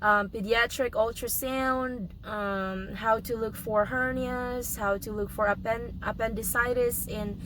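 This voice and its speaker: Young woman, sick and hoarse, slow unhurried vlog chatter, slightly high voice, faint room hum behind. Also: steady tone. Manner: halting, many ums and restarts. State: hoarse from a cold, coughing. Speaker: vlogger. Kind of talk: casual vlog update.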